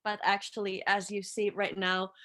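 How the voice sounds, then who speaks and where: A woman's voice: mid-range voice, monotone, moderate pace, fairly bright tone. A woman from Finland, a guest designer, introducing herself in a friendly way on a video call.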